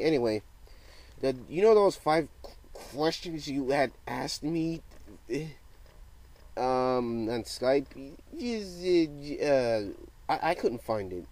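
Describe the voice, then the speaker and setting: A young man casually talking to his viewers in a vlog update, stammering and rambling, swearing freely and now and then bursting into loud excited outbursts. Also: mid-range voice, rough recording. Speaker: YouTuber giving a channel update.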